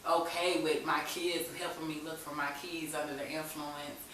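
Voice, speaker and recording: Speaking at normal speed in a low-pitched, fairly bright voice with little pitch movement, a woman in her thirties tells a candid personal story. She's an interview guest and keeps it informal and conversational, leaning on "you know" frequently. Expect echo, a distant mic and faint hiss.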